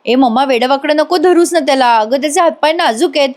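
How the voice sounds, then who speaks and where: A woman's voice: sits high, fast talker, pitched above the performer's own voice, close to an everyday voice. A woman voicing an anxious young mother who pleads with her own mother over a video call. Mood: worried. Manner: worried, pleading.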